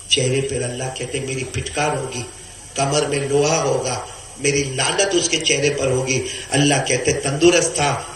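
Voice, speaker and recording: A man preaching a fervent sermon to a large gathering, calling on the crowd to answer him and swinging between hushed and shouted delivery. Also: medium pitch. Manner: call-and-response, urging the crowd to answer. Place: large outdoor religious gathering. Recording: echoey, noisy crowd gathering.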